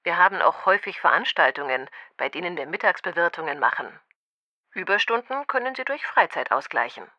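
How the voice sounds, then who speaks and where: A helpful female restaurant manager in a language-course dialogue. Her voice is bright and slightly low, courteous and businesslike. The audio is a little dull and dry. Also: sing-song, a little fast, no room sound, exaggerated voice.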